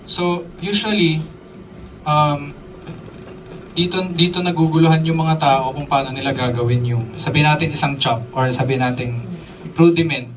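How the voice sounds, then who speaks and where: A man's voice: on the high side, normal speed. A man teaching a drum workshop, chatting casually and quizzing his audience. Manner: casual, asks the audience questions, code-switches with English terms. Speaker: drum instructor. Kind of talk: live drum workshop talk. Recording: voice distant from the mic, drums in the room.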